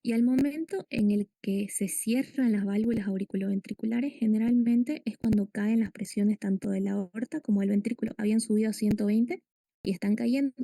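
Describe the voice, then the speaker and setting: A woman's voice: mid-range voice, fairly even intonation, moderate pace, creaky, dark tone, dry recording. A woman giving a medical lecture, explaining step by step and quizzing her students. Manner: explanatory, asks students questions.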